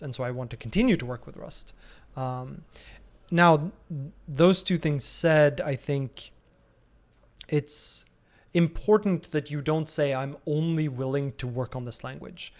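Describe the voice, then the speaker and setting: A man's voice: fairly high pitch, normal speed, a little mellow. Man thinking aloud in a live Q&A. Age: 30s. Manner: thinking aloud with many fillers and restarts. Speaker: streamer answering viewer questions. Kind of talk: casual live Q&A.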